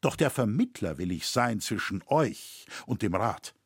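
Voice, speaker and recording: A man voicing a proud, steadfast medieval master builder who speaks in firm, measured declamation. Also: fairly low pitch, sing-song, creaky, breathy edge, no room sound, clean studio sound, voice pushed down, full character voice. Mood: calm, solemn.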